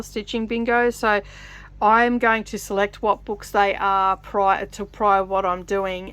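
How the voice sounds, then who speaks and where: A woman with a mid-range, slightly bright voice hosts a chatty craft vlog, talking casually while she stitches. Her speech is loose, with many fillers and restarts, and she pauses to count.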